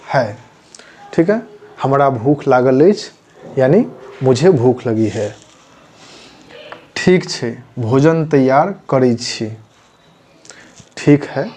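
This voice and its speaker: A man's voice: mid-range voice, darkish tone, slight background noise. A man teaching a language lesson, repeating phrases and stressing pronunciation.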